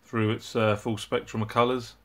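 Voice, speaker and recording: A man with a low voice explains his own project in a casual, unhurried way. His delivery stays level and even, and he often pauses on ums and uhs while he works through the details. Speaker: robotics hobbyist channel host.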